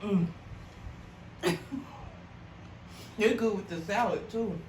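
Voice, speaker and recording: A man hosting a casual mukbang, chewing as he talks and savoring with drawn-out mm sounds. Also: high voice, a little mellow. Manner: chewing while talking. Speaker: mukbang host. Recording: roomy, noisy, distant mic.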